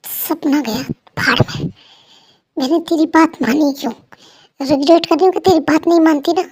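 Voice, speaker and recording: A woman's voice: high voice, normal speed, darkish tone. A woman playing a jealous, short-tempered young wife who scolds in an exasperated way, in a fan story role-play.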